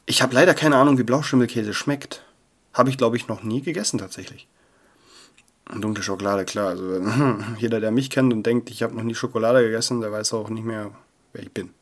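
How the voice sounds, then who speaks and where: A young man hosting a casual podcast, chatty and playful, swinging between loud bursts and low murmurs on a close, sensitive mic. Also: steady tone, fairly quick. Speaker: podcast host. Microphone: sensitive close mic that picks up paper rustle.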